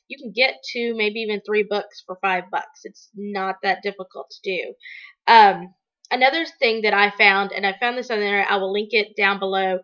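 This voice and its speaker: Bright-voiced woman giving casual parenting tips. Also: mid-range voice, muffled recording. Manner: conversational, explanatory, illustrating with examples. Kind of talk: casual advice vlog, talking to viewers.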